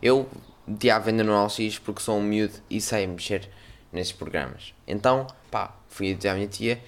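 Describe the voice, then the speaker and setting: A young man with a European Portuguese accent tells a story on a casual podcast, his voice sitting on the low side. He acts out the other people in the story, jumping into sudden loud bursts. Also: normal speed. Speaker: podcast host.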